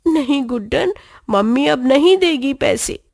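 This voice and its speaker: A woman's voice: high-pitched, lively intonation, unhurried, gravelly, a little mellow, no echo, clean studio sound, voice pushed up, full character voice. Woman doing a wheedling little boy. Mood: sad. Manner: wheedling, coaxing. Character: playful pleading little boy. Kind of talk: storybook reading for children.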